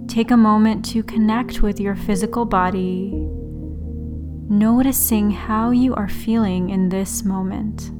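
A woman leading a guided relaxation meditation in a soothing, unhurried sleep-story manner, leaving long pauses. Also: medium pitch, steady tone. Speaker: yoga and meditation teacher, host. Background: background music.

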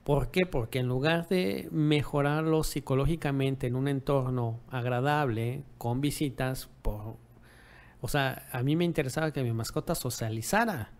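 A man's voice: medium pitch, moderate pace. A man giving dog-owning advice in a casual monologue, often ending remarks with rhetorical tag questions and acting out what people said. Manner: rhetorical tag questions, acts out quoted dialogue.

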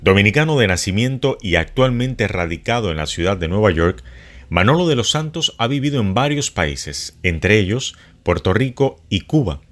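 A man reads the opening of a podcast episode in a steady, scripted way. His voice sits somewhat low. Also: moderate pace. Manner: steady, read-out delivery. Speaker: show announcer. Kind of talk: scripted narration.

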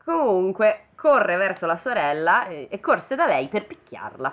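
A woman's voice: mid-range voice, a little slow. A woman reads a fairy tale and chats about it, her voice swinging freely up and down with easy amusement. The sound is thin and boxy, like a phone call. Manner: chatty, amused, lively. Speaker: podcast co-host reading a fairy tale. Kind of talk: casual chat and storybook reading.

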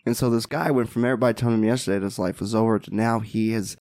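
Guy on a podcast telling a story, lively and casual, keeps saying right, dry sound. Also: fairly low pitch, very fast, dry recording. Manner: animated, says "right?" and "like" often. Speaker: podcast guest, mindset mentor.

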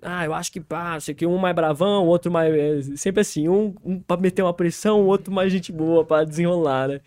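A man's voice: high-pitched, a little fast, darkish tone, clean tone, dry recording, studio quality. A young man with a São Paulo accent, a rapper guest telling a long story in casual, slang-heavy talk, laughing and acting out other people's lines. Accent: São Paulo Brazilian Portuguese. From interior of São Paulo state, Brazil.

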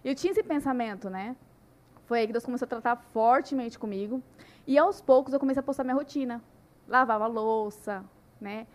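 Woman, young, high voice, quick talker, animated casual chat. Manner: animated, many "né" tags. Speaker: podcast guest.

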